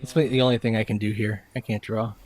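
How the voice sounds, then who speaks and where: A man's voice: on the low side, little pitch movement, quick pace, a little mellow. A man co-hosting a podcast, teasing and joking in casual chat. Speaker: podcast co-host.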